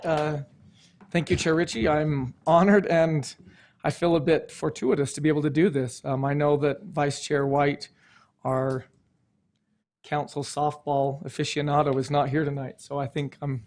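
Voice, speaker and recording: Male council member, formal read-aloud, slightly high and creaky, even delivery, occasional stumbles. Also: normal speed. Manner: stumbles over words and corrects himself.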